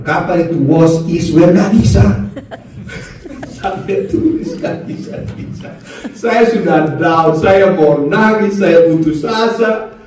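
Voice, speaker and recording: A man preaching a lively sermon as a pastor, his voice swinging between low and high. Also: recorded from a distance, slight background noise. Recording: echoey hall, voice from the mic.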